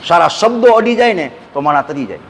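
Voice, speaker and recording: A man preaching a devotional sermon at an ashram, telling folksy stories and breaking into slow sung verses. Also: fairly high pitch, big pitch swings, big-room sound, slight background noise. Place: ashram hall.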